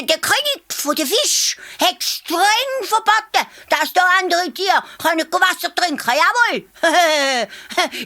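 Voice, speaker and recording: A woman's voice: extremely high pitch, bright, forceful tone, pitched above the performer's own voice, exaggerated voice. A woman with a Swiss German accent voicing a cheeky little male hare who stammers and blusters.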